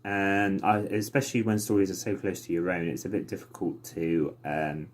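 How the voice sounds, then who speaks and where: A man's voice: low-pitched, level tone, moderate pace. A man giving an informal, earnest video message, speaking a little hesitantly. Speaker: podcaster and awareness campaigner.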